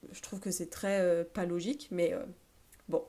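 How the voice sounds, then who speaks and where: A woman life coach talking straight to her viewer in an informal self-help video, pausing often on fillers as she explains. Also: on the low side, steady tone, warm tone. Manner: informal, addresses the listener as tu, many filler pauses.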